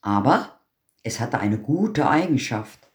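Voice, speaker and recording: A man reading a fairy tale aloud as narrator, in a slow, measured storytelling manner. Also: mid-range voice, big pitch swings. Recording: roomy echo.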